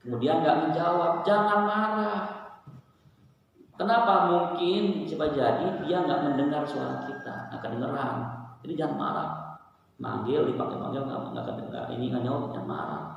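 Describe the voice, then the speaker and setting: A male teacher explains a religious text line by line, repeating his points with emphatic warnings. His voice is gravelly. He sounds far from the mic in a very echoey hall, with faint noise behind. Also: on the high side, expressive, moderate pace. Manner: repetitive, emphatic admonishing. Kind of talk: recorded online lesson, reading Arabic text then explaining.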